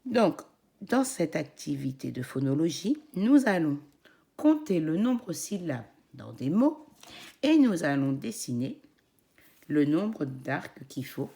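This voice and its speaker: A French-accented woman teacher leads young children through a phonics lesson, spelling out each syllable in a slow, encouraging way. Her voice sits low and is very animated, creaky, and mellow.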